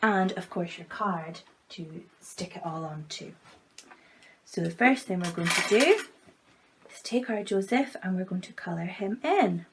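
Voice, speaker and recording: A woman's voice: lowish voice, poor audio. A woman giving a step-by-step craft tutorial, talking simply and in a friendly way to children. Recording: faint background noise.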